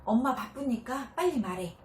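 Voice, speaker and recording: A woman's voice: sits high, big pitch swings, normal speed, a little mellow, a little hiss or hum, voice pushed up. A woman voicing a busy mother cooking dinner who brushes off her child sharply, in an echoey room. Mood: impatient.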